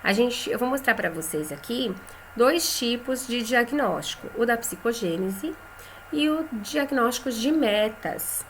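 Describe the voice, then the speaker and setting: Brazilian lady teaching, kinda high voice, says example words slow and clear, a little background hiss. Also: expressive. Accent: Brazilian Portuguese. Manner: conversational, tags phrases with "né?". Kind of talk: online lesson for teachers.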